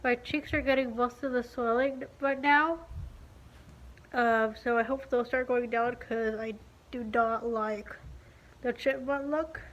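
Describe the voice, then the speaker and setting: Talking a little slowly in a slightly high, fairly even voice, a young woman records a casual video diary on her phone at arm's length at home in her living room. She's a beauty vlogger fresh from nose surgery, so she sounds congested, with stiff lips muffling her words. She rambles with many fillers against slight background noise.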